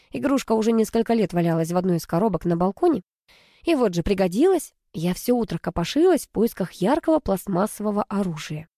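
A woman giving a lively, expressive first-person audiobook narration. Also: medium pitch, dry recording, clean studio sound.

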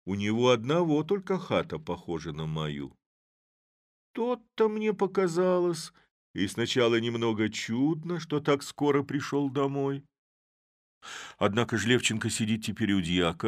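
Man as a sly old Cossack, mutters and scolds, animated, raised pitch, dry close sound. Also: measured pace, no echo, close to an everyday voice. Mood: musing.

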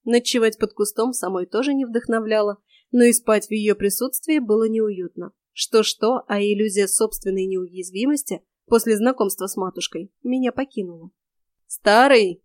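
A woman's voice: mid-range voice, normal speed, a little mellow, no room sound. A woman narrating a first-person audiobook in a dry, sardonic manner.

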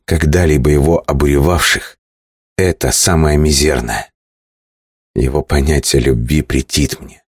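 A man reading aloud, voicing a defiant young captive woman who speaks in a low, hushed chest voice. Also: dry recording, studio quality.

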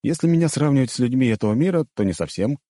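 Male narrator doing a smug young mage, wry, teasing, mellow tone, dry sound. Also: mid-range voice, animated, fast talker, no echo, pitched above the performer's own voice, close to an everyday voice.

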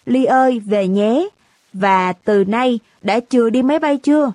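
A tearful teenage schoolgirl scolds her best friend through sobs, in a raised, girlish pitch, voiced by a woman. The storybook reading is close and dry. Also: unhurried, warm tone, no echo, natural voice. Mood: tearful scolding. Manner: sobbing, scolding.

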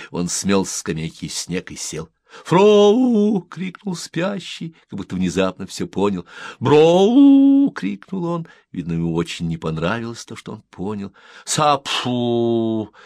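A man narrating an audiobook in a slow, expressive storytelling manner, close to the mic. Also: low-pitched, dry recording.

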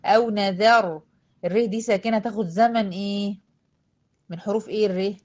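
A woman with an Egyptian accent teaching a tajweed class, patiently quizzing her students and slowly drawing out words to demonstrate. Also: medium pitch, steady tone, warm tone, lo-fi sound. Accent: Egyptian Arabic. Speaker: Quran recitation teacher. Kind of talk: online tajweed lesson.

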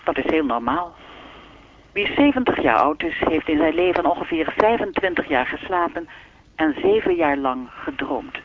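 In a radio drama, a man voices an enigmatic, all-knowing keeper of time, speaking formally, lecturing, unruffled and faintly teasing through a thin, dry telephone filter. His fairly high voice is expressive and moderately paced, with background noise present.

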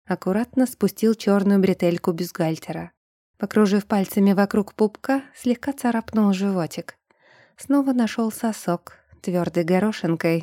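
A woman narrating a novel in an even, measured storytelling voice. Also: medium pitch, no room sound, studio quality. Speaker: audiobook narrator.

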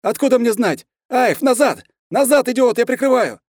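A man's voice: very high voice, expressive, normal speed, darkish tone, no room sound, studio quality, voice pushed up. A man reading a story aloud and voicing a gasping, frightened soldier reporting over a radio. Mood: shouting. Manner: gasping, panicked. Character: breathless panicked male soldier on a radio.

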